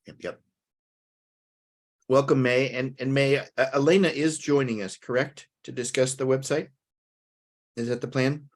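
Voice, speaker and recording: A man hosting a casual online meeting on a video call, speaking hesitantly and haltingly. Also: medium pitch, fairly even intonation. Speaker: meeting host.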